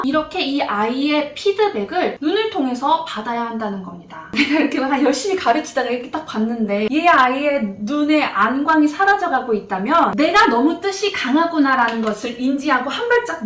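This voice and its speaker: High-pitched woman lecturing nurses, swoops all over, acts scenes out, echoey room, a bit off mic. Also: a little hiss or hum. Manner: animated, emphatic, acts out scenes. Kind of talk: motivational lecture. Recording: roomy echo, distant mic.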